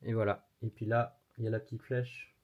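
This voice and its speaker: A man's voice: lowish voice, flat delivery, fairly quick, darkish tone. A man hosting an electronics tutorial, explaining casually while demonstrating hands-on and swearing mildly now and then. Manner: casual and chatty, with mild swearing. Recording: dull lo-fi recording.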